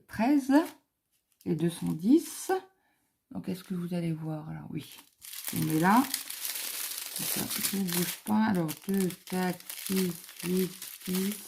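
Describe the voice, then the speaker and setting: Gravelly low-voiced woman chatting. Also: mellow, a little hiss or hum. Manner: chatty rambling storytelling. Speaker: craft vlogger. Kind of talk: casual chat while crafting.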